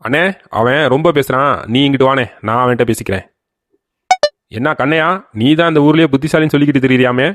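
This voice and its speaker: A loyal, swaggering younger brother from a cartoon story rushes his lines, puffed up and ready for a fight, as a man acts him out. The voice sits in a mid register and sounds dry and close. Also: medium pitch, fairly even intonation, fairly bright tone, no echo, natural voice.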